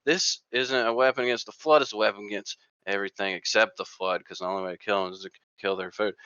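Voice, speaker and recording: A man's voice: fairly low pitch, steady tone, fast, bright, forceful tone, clear, resonant tone, no echo, dull audio. A man voicing a casual female AI sidekick in breezy dude-talk, as part of a video game recap.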